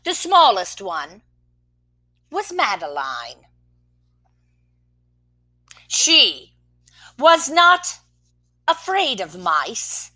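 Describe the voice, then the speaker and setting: Woman reading a picture book aloud, high voice, very slow, bright, lively pitch, expressive with whispered asides. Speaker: children's story reader.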